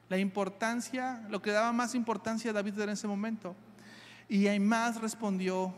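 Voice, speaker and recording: A man preaching a sermon, reading scripture aloud and explaining it with earnest repetition. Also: high-pitched. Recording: long hall reverb.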